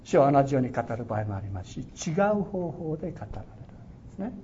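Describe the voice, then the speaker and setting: A male pastor delivers an earnest, exhorting sermon, pressing his points with sudden rises in emphasis. His mid-range voice comes through a dull, lo-fi recording with a faint low rumble behind it. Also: sing-song, quick pace, warm tone.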